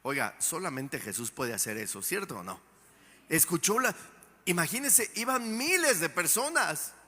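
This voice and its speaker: Male pastor preaching with emphasis, bright voice, long church reverb. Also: a little high, very animated, moderate pace. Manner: emphatic, asks the congregation rhetorical questions. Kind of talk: sermon.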